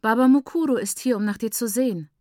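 A woman voicing a polite, gentle aunt. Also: on the high side, quick pace, no echo, studio quality, voice pushed up, natural voice. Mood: calling. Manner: courteous, soothing. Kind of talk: audiobook character voice.

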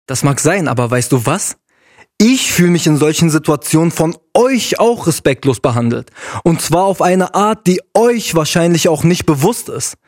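A man's voice: a little high, sing-song, normal speed. A man in a casual discussion, explaining things with a wry, teasing manner.

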